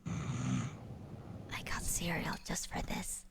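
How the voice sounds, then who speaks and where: A woman streamer whispering in chatty, casual conversation. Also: extremely slow.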